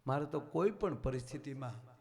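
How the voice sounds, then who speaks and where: A man's voice: mid-range voice, lively intonation, moderate pace, creaky, a little mellow. A man in a folk storytelling show voicing a tearful queen who pleads with her guru. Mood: pleading. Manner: pleading, weepy. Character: proud queen once a dog, clinging, tearful woman.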